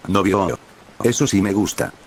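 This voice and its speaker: A man voicing a giddy, playful teenage girl villain who gushes excitedly. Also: sits low, a little slow, slight background noise. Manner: excited, gushing.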